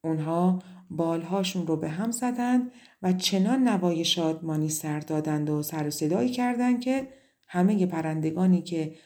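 Lower-voiced woman telling a fairy tale. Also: mellow. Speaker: audiobook narrator. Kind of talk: scripted fairy tale narration.

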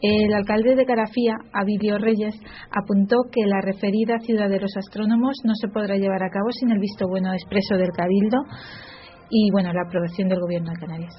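Female newsreader, careful and measured, lo-fi radio sound. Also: mid-range voice, fairly even intonation, slight background noise. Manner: careful reading with small slips and restarts. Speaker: news reader on a radio show. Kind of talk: reading science news on radio. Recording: dull radio broadcast with faint music.

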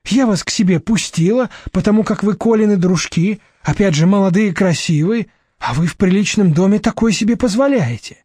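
A man's voice: high voice, brisk, a little mellow, no room sound, clean studio sound, pitched above the performer's own voice. A man voicing a brash, chatty woman who plays innocent and whines, in a storybook reading. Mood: wheedling. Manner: whiny, feigned innocence. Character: brash chatty woman flat owner, gap-toothed.

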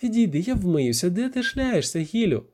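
A man's voice: expressive, normal speed, mellow, close to an everyday voice. A man reading an audiobook, voicing an angry, defensive young woman who snaps and accuses. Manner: shrill, accusing, snapping.

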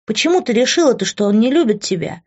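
A woman voicing an indignant young woman friend, high and animated. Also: quick pace, slightly rough, lo-fi sound.

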